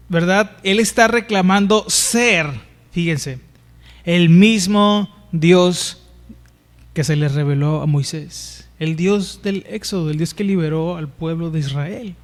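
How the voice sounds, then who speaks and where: A man with a Mexican accent teaching a Bible lesson as pastor, conversational, with frequent restarts and tag questions. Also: sits high.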